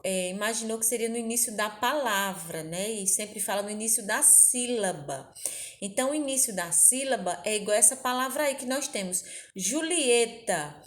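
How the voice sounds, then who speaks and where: A woman teacher from Brazil giving a recorded lesson to young children, speaking gently with lots of diminutives and check-in questions. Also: medium pitch. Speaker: primary school teacher.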